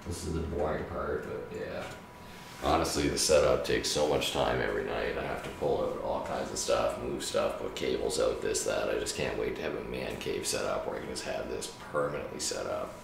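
A tired man with a raspy voice, casually chatting and rambling through a late-night live stream from his room at home. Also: very deep voice, normal speed, echoey room, far from the mic, noisy background. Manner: laid-back, rambling, swears casually. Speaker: game streamer.

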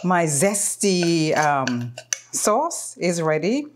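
A woman in her fifties talks through a home cooking demonstration in her kitchen. Her voice sits low, and she chats easily as she works, with plenty of ums and restarts. The camera sits close in front of her. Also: big pitch swings, drawn-out words, slight background noise. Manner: chatty, explains as she works, frequent ums. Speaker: cooking channel host.

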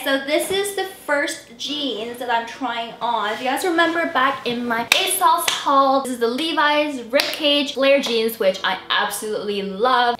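A chatty young woman talks to her camera from her bedroom. She laughs easily and keeps a bubbly tone. Her voice sits a little high, and the room gives it a noticeable echo. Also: a bit bright. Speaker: fashion vlogger. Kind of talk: casual vlog chat.

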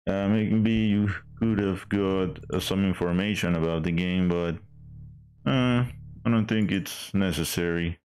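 A man's voice: low-pitched, a little slow, a little mellow, clear, resonant tone. A man streaming a game in casual chat, hesitant with many fillers and restarts.

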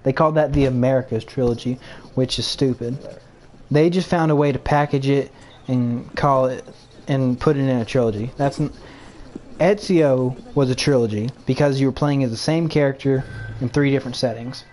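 A man's voice: medium pitch, steady tone, normal speed, darkish tone. A young man in casual podcast chat about games, speaking bluntly and with strong opinions. He swears offhandedly now and then. Light background hiss runs under the voice. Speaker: podcast co-host.

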